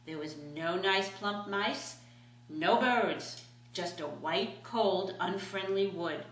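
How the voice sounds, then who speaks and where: A woman's voice: mid-range voice, takes it slowly, a bit bright. A sweet older woman, a grandmother, reading a children's storybook aloud expressively. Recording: echoey room.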